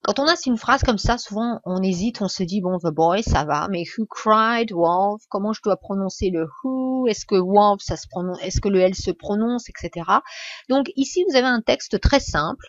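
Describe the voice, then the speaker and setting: Woman, pronunciation tutor, patient step-by-step explainer, mid pitch, muffled, dry. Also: normal speed, dry recording. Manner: patient and explanatory, with hesitant restarts. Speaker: English pronunciation teacher.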